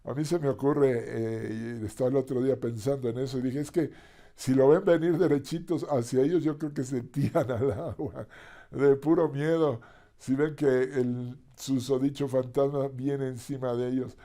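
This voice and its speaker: A man's voice: medium pitch, fairly even intonation, moderate pace, warm tone. A male pastor teaching a Bible passage in a conversational sermon, with asides and sudden screams.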